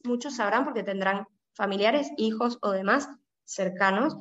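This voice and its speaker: A woman's voice: fairly high pitch, dull audio. Caribbean-accented woman teaching a Bible study. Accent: Caribbean Spanish. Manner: explanatory, asks listeners with frequent "¿no?" and "¿sí?".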